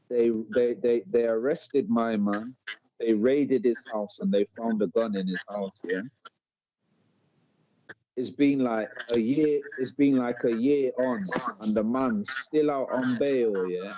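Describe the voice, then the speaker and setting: On a live-stream debate, a male panel guest with a mid-range, warm voice tells a story in street slang, repeating words as he goes. It's casual debate chat, captured in dull lo-fi live stream audio.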